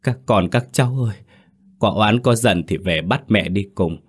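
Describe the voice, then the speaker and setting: A man's voice: on the low side, normal speed, breathy edge. A man voicing a grieving old mother in her sixties or older, wailing and pleading with the spirits of her dead family. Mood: anguished pleading.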